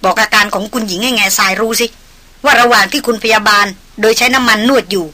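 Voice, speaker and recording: A woman's voice: fairly high pitch, fast, sharp tone. A woman voicing a stern, polite veteran male jungle hunter in a read-aloud adventure novel. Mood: calm firm.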